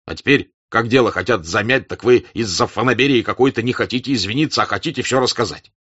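List: man doing gruff old hussar staff-captain, scolding, fatherly, loud and bright, dull dry recording. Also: mid-range voice, fast. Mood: reproachful. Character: gruff older male hussar staff-captain, stern, honest.

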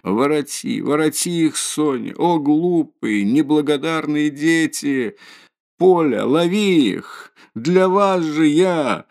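A man voicing a proud, impoverished widow of noble birth who is frantic and shrill. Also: fairly even intonation, moderate pace, creaky, darkish tone. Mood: desperate. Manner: shrill, desperate, haughty.

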